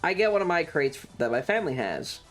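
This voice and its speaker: With faint music in the background, a streamer spins a rambling story on his livestream, swearing in exasperation and acting out dialogue. His fairly bright, sing-song voice is on the high side and a little fast.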